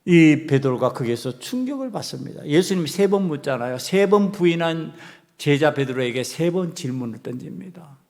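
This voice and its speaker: A man's voice: a little high, animated, normal speed, vocal fry, darkish tone. A male pastor preaching a sermon to his congregation, emphatic, putting rhetorical questions to them. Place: church sanctuary. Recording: long reverb of a church hall.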